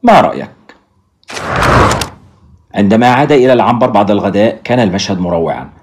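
A man's voice: fairly low pitch, rapid-fire, darkish tone. A man narrating an audiobook as a storyteller, speaking to his listeners around a fire.

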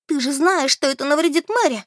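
A woman voicing a hot-tempered, protective young woman in an audiobook, sharp and indignant. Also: high-pitched, expressive, fast talker, no room sound, studio quality, pitched above the performer's own voice. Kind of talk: audiobook character reading.

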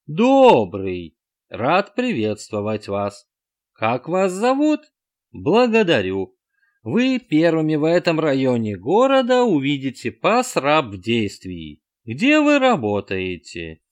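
A wrecked robot salesman booms out greetings in a high, metallic voice, and its phrases stick and repeat like a skipping record, as a male narrator puts it on. The words come slowly and stretched, swinging widely in pitch. It is read as an audiobook figure. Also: wildly swooping pitch, heavily acted. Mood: glitching. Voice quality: booming metallic voice.

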